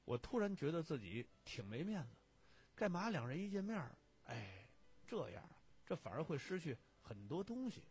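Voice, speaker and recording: A man reading a first-person short story aloud on the radio, with lively storytelling narration. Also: a little high, moderate pace, slightly rough, faint music behind.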